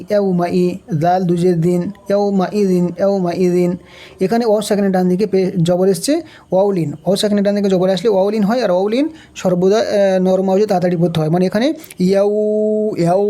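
A man with a Bangladeshi Bengali accent teaching Quran reading, spelling out letters and vowel marks, then chanting the words slowly in a higher tone. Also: dark tone. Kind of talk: step-by-step recitation lesson.

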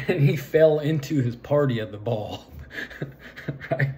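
A man's voice: medium pitch, takes it slowly, a little mellow. A man casually retelling a film's plot in a rambling way, full of fillers and "right?" asides. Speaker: vlogger.

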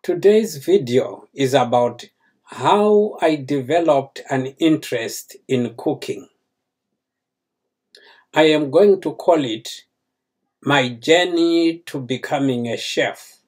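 A man's voice: on the high side, slow pace, darkish tone, husky, faint music behind. An older man who grew up in Zambia, speaking to camera as the host of a cooking channel. He addresses his viewers in a courteous, formal way, seated in a small indoor room. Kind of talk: slow, formal talk to camera.

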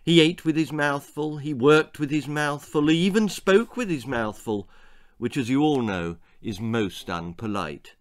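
In a small room lined with books and records, a man in his sixties with a fairly high voice reads a grisly comic children's story at an unhurried pace. His delivery is theatrical, with emphatic, relishing articulation.

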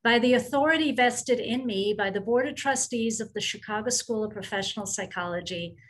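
A middle-aged woman speaking formally and deliberately as she confers an honorary degree over video. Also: fairly high pitch, rough recording. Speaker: university official conferring degrees. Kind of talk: formal ceremonial address.

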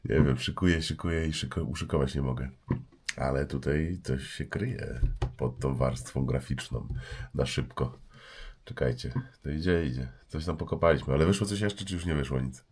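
A man's voice: extremely low pitch, normal speed, a little mellow, breathy edge. A man with a stuffy nose from a cold hosting a casual livestream at home, joking and greeting viewers by name. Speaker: livestream host.

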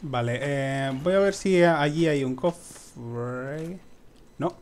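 A young man from giving excitable let's play commentary to his viewers, swearing often. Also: on the high side, takes it slowly, a little hiss or hum. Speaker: gaming video host.

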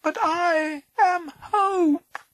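A man's voice: very high-pitched, fairly even intonation, extremely slow, fairly bright tone, dry recording, pitched above the performer's own voice, exaggerated voice. A man voicing a small, faint spirit of hope, thin and pleading.

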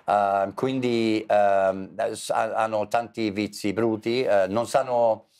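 A man with an English accent, an English teacher who is not a native speaker of Italian, telling animated stories in an interview. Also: on the low side, slow pace. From England. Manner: animated storyteller, mimics voices in quotes. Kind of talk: interview conversation.

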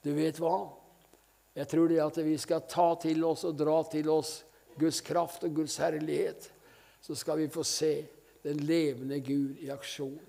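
An older male evangelist preaches with fervour, his fairly high voice carrying a gravelly edge. His tone is dark and mellow, and he tells his stories with frequent hallelujahs. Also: flat delivery. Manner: fervent storytelling, frequent hallelujahs. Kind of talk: sermon. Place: church meeting.

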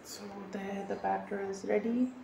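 A woman's voice: medium pitch, normal speed, vocal fry, noisy background. Woman narrating a home cooking vlog. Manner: steady step-by-step instructional narration. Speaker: cooking vlogger. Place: home kitchen.

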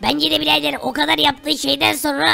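A man's voice: extremely high pitch, little pitch movement, fairly quick, gravelly, music in the background, pitched above the performer's own voice, heavily acted. A man voicing a poor young male sidekick in a Minecraft role-play, a pushy buddy who keeps calling others brother. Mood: agreeing. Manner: calls everyone brother, urges others on.

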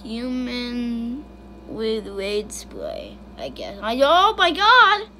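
A woman's voice: fairly high pitch, huge pitch swings, very slow, pushed and bright, slight background noise. A young woman casually commenting on funny videos, bursting into shrieks and then muttering to herself. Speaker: YouTuber reacting to videos.

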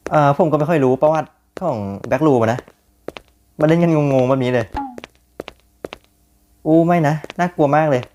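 A young man giving jumpy, excitable commentary on a horror game, often repeating words when startled. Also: fairly high pitch, moderate pace, long pauses, slight background noise. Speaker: gaming YouTuber.

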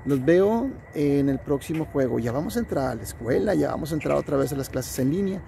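Guy telling a story to little kids, kinda high, mellow voice, simple words. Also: expressive, brisk, creaky, a little hiss or hum. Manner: warm, simple phrasing for kids. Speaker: children's storyteller. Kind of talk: storytelling for children.

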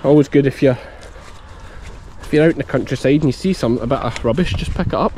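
A sheep farmer in his thirties, from Scotland and broad of accent, chats to his child and sheepdog for a casual outdoor vlog in an open field. He talks fast at medium pitch with a darkish tone. The recording, from an action camera held at arm's length, carries field noise.

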